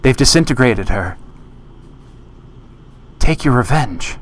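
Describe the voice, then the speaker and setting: A man's voice: medium pitch, expressive, slow. A man acts out a demonic voice that possesses the mind in a tabletop role-play. It presses its listener insistently, goading toward vengeance. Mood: urgent, goading. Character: demonic voice in the head, goading to revenge.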